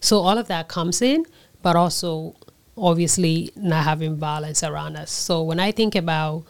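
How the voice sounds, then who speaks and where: A young adult woman from Liberia answering interview questions in a thoughtful way, pausing often and correcting herself as she goes. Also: low voice. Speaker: interview guest, conference organizer.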